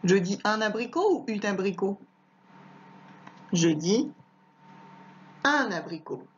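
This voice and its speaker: Slow, patient woman teacher, lo-fi. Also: mid-range voice, lively intonation. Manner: slow, patient, repeats words and spells out letters. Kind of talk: home-schooling lesson for young children. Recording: dull lo-fi home recording.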